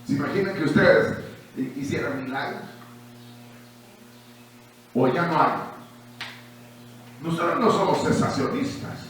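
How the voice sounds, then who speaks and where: A male pastor preaching and telling stories, going from quiet asides to shouted declarations, with a Peruvian Spanish accent. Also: fairly high pitch, lively intonation, unhurried, long pauses, a little hiss or hum. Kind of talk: sermon with testimony. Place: church hall. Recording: echoey church hall, distant mic.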